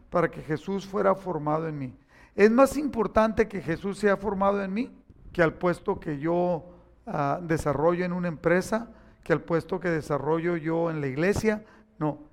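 An older man with a Mexican accent preaching a sermon, emphatic and repetitive, speaking directly to his listeners. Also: a little high.

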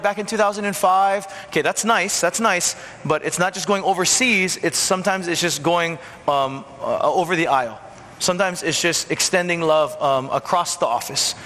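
A man preaching a conversational sermon as a pastor in a church, acting out quick bits of dialogue. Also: fairly high pitch, a bit bright. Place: church sanctuary. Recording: long church reverb, faint noise.

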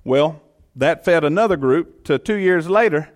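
Speaking at normal speed in a slightly high, animated voice, this middle-aged man from Georgia shares a personal testimony. He's a county commission chairman, and his manner is earnest and folksy, with a Southern accent.

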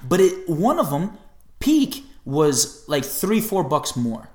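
A man co-hosting a podcast, chatting casually in a laid-back, slangy way and telling stories with lively energy. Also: on the high side, slow. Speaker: podcast co-host. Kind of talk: casual chat. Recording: roomy echo.

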